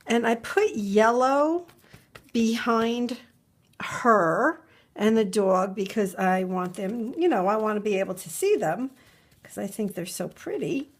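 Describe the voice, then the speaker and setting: In a relaxed crafting tutorial filmed from an overhead camera showing only her hands, a middle-aged woman talks chattily and muses aloud, repeating words to herself. She's slightly congested from a cold. Her voice is medium-pitched, animated, and slow.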